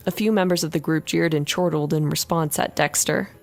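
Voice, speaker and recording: A woman reading a horror story aloud in an expressive first-person narration. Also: deep voice, creaky.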